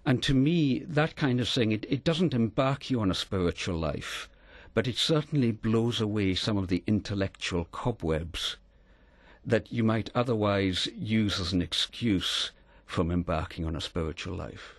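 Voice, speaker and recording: A middle-aged man from Scotland, telling a personal story in an earnest, measured way as an interview guest. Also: lowish voice, animated, no echo.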